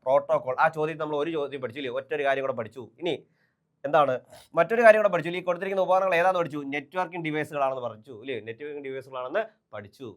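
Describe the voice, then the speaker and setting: A man teaches an exam-prep lesson at a rapid clip. His voice sits a little high. He keeps asking the class questions, answers them himself, and drills the same terms over and over. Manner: repeats key terms over and over.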